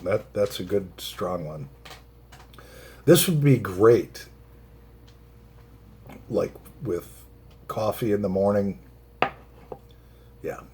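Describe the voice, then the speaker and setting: Man, lowish voice, slow halting delivery, casual rambling pipe-review vlog, some background noise. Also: lively intonation, a little mellow. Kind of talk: casual solo vlog chat with rambling asides.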